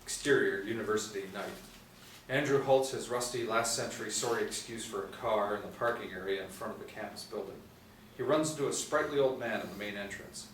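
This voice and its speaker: Seated with a tablet in a small indoor room, a middle-aged narrator reads stage directions at a table read. His fairly low voice has a fairly bright tone and moves a little fast; the recording is echoey, with a distant mic and faint noise.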